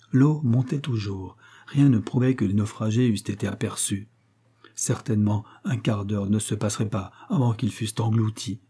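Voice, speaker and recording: A man reading a classic adventure novel aloud as an audiobook narrator, dramatic, raising his voice for the shouted lines. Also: on the low side, slightly rough.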